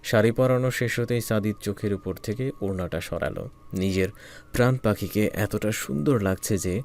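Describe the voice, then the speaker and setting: Brief: male narrator, lowish voice, calm romantic storytelling. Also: moderate pace, slight background noise.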